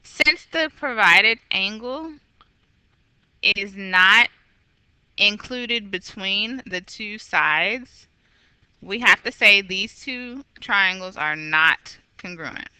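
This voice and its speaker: Slow, bright-voiced woman teaching geometry. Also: mid-range voice, expressive, smooth, no echo, rough recording. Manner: patient, methodical, corrects herself aloud. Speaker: math teacher. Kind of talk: recorded geometry lesson.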